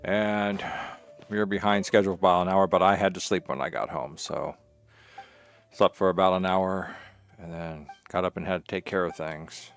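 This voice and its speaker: With game music underneath, a male livestream host plays a video game and offers loose, rambling commentary, often talking to himself. He has a low, clean voice with a steady tone and speaks at normal speed.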